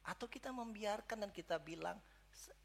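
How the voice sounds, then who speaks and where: Bright-voiced man preaching a sermon. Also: fairly high pitch, moderate pace, slight background noise. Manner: addresses the congregation directly, rising to emphatic peaks. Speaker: pastor. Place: church service.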